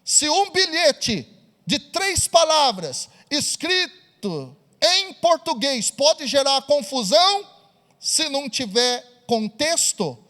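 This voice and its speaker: High-voiced preacher in a hall. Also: male voice, big pitch swings, slow pace, sharp tone. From Brazil. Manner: storytelling, asks the audience questions. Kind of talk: sermon.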